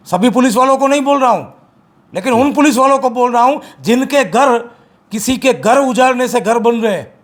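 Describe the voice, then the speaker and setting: Guy, activist being interviewed, pretty high voice, hammers the same points over and over. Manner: forceful, repetitive, emphatic. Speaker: campaign activist. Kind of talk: interview, political criticism.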